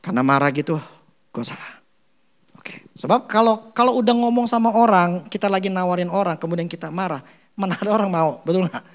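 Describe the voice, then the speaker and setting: A man's voice: sits high, fast talker. A male pastor preaching, telling stories and acting out short quotes. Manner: animated storytelling with acted quotes; casual Jakarta slang (gue, lu). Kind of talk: sermon.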